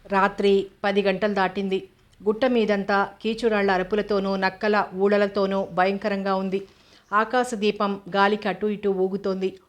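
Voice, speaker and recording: A woman narrating an audio novel in a steady, even reading voice. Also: mid-range voice, normal speed.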